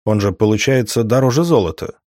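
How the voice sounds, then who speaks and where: A cautious, wry male mage from a fantasy audiobook, read by a man in nearly his own voice. The voice sits low and speaks in a measured, dry way. The recording is close, with no room sound. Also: lively intonation, a little mellow, no room sound, close to an everyday voice.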